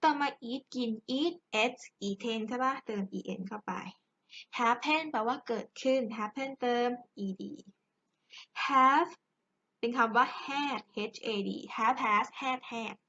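A woman with a Thai accent, teaching English grammar in a chatty, big-sister way and reading the English examples slowly. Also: on the high side, pushed and bright, lo-fi sound. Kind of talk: explaining grammar exercises to students.

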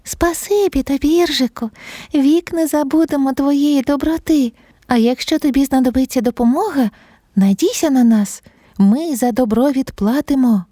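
A woman voicing tiny pleading ants and baby ravens in a fairy tale audiobook, with a high squeaky childlike voice. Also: moderate pace, warm tone, dry recording, clean studio sound, lightly acted. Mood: grateful.

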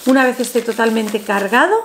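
A spiritual channel host in her thirties, seated at a table in a small bright room with the camera in front, guides the viewer through a money ritual. Her voice is on the high side and fairly quick, yet soothing and instructive as she speaks to the viewer directly, with a bit of background noise.

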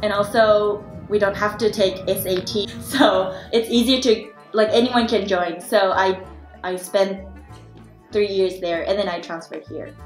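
A woman's voice: medium pitch, steady tone, a little slow. A young woman from Japan with a Japanese accent, speaking careful English with restarts as she talks about student life. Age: young adult. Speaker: dance student. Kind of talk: casual documentary talk. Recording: echoey, with music underneath.

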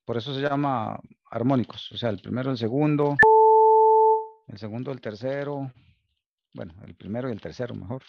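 Male lecturer, gravelly voice, stop-start explaining, dry muffled recording. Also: mid-range voice, moderate pace, long pauses. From Costa Rica. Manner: thinking aloud, many restarts and checks like "¿Ok?". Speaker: university lecturer.

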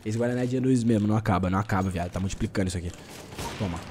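A man's voice: on the low side, racing, background noise. A young man from Brazil streaming a shooter game, talking in slangy, joking banter with his chat. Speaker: gaming streamer. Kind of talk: casual live gameplay commentary.

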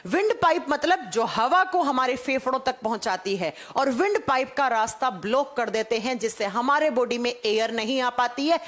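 A woman's voice: a little high, normal speed, hardly any pauses, fairly bright tone. A woman teacher giving a class to children. She explains step by step and asks questions, then answers them herself. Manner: addresses students as children. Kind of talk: live online class lecture.

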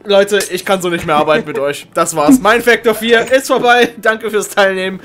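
Over background music, a man with a high, fairly bright voice hosts a Minecraft game show in a casual, comic way. He speaks at a moderate pace with fairly even intonation, staying informal, swearing and giggling as he gets exasperated.

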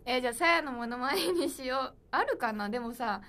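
Solo livestream host, woman in her twenties, chatty and playful with viewers, voice on the high side. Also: lively intonation, normal speed, sharp tone. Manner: chatty, playful, reads viewer comments aloud. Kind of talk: casual livestream chat.

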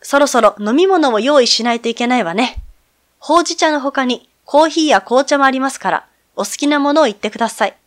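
A woman's voice: high-pitched, expressive, a little fast. Woman reading a refined middle-aged hostess. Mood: reproving. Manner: polite, gently reproving.

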